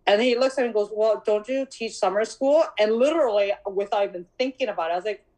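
A woman in her thirties telling a story in casual podcast chat, animated, acting out dialogue and laughing often. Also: mid-range voice, quick pace, low-quality recording. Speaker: podcast co-host.

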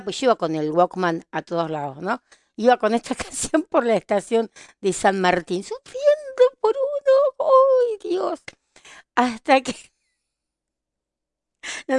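A woman's voice: on the high side, dry recording, clean studio sound. A woman in her fifties with an Argentine accent, chatting casually and telling nostalgic stories as a podcast host. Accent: Argentine (Rioplatense). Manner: chatty, nostalgic storytelling with laughs. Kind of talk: casual chat.

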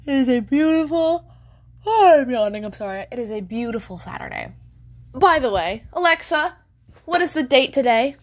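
A young woman chatting casually to her viewers from home, rambling, giggling and correcting herself as she goes. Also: mid-range voice. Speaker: vlogger. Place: at home by a window.

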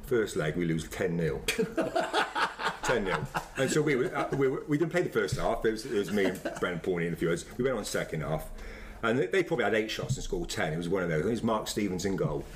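A low-pitched man reminisces casually in an interview. He rambles and halts, circling back over his phrases. There is faint noise behind him. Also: animated. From Wiltshire, England. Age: 50s. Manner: rambling, halting, repeats phrases. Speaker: former semi-professional footballer being interviewed.

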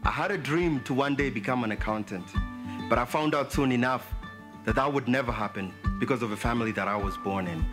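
Man from Kenya, testimony over guitar. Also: medium pitch. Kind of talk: testimony in a video. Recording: video with music underneath. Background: guitar music.

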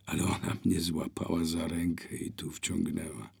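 A man reading an audiobook, voicing a shy young guest who speaks quietly and hesitantly. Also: deep voice, little pitch movement, normal speed, vocal fry, slightly rough, heavily acted. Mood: apologetic.

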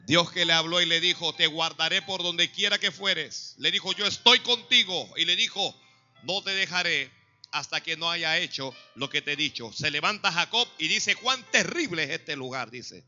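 A man preaching a sermon, calling on the congregation to answer back and rising to loud exhortations. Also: fairly high pitch, moderate pace. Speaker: pastor. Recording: dull lo-fi recording with faint music.

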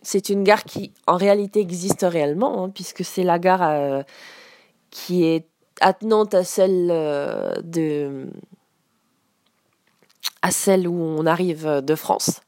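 A woman giving a casual spoken lesson as a teacher, explaining slowly with frequent hesitations. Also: lowish voice, darkish tone, no room sound, studio quality. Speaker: English teacher.

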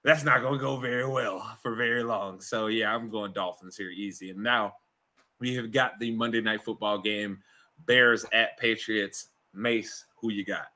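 Young man, sports podcast host, bright voice, animated, laughs a lot. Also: fairly low pitch, normal speed. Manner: animated, laughs often, slangy. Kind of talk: casual sports picks chat.

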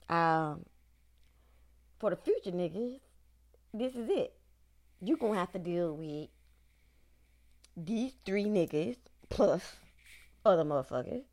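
Gravelly woman ranting bluntly. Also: on the low side, dark tone. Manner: blunt, profane, venting with bursts of laughter. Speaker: podcast host ranting. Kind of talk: casual ranting monologue.

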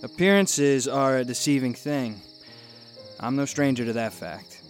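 A man playing a mysterious, cultured scientist in a radio drama, speaking in a measured, formal way. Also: medium pitch, faint music behind, lightly acted. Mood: commanding, enigmatic. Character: mysterious, cultured male scientist who is invisible.

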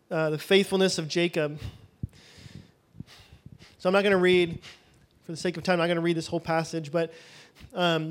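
A man teaching a Bible session in a loose, conversational way, thinking aloud as he goes. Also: sits high.

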